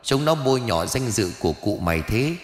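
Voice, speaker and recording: A man's voice: mid-range voice, big pitch swings, brisk, roomy sound, in a large hall, lightly acted. A man voicing a pompous, irritable old male ancestor ghost sorcerer who scolds and boasts in an audiobook. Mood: boastful. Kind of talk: audiobook character voice.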